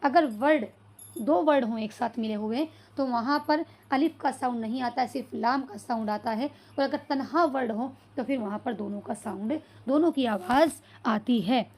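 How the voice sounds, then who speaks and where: A woman's voice: on the high side, darkish tone. A woman teaching an Arabic lesson who asks questions, answers them herself and often checks whether the class has understood. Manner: checks understanding with "clear so far?"; spells out Arabic words slowly.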